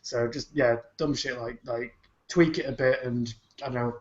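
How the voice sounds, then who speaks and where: A man co-hosts a podcast in loose, rambling chat, dropping swear words as he goes. His voice sits at an ordinary pitch. The recording is roomy, echoey and somewhat dull. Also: steady tone, moderate pace. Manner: swears freely, rambling with fillers. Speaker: podcast co-host. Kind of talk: casual chat.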